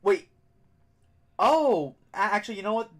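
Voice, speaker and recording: A man's voice: sits high, expressive, a little slow. A man giving casual live let's play commentary as a game streamer, chatting as he goes.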